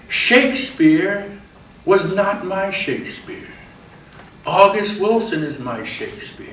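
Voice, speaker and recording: A man's voice: mid-range voice, a bit bright, slight background noise. A man giving a guest lecture to a college class, speaking emphatically and directly to the students, recorded from the back of a classroom. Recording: roomy classroom recorded from far off, faint ambience.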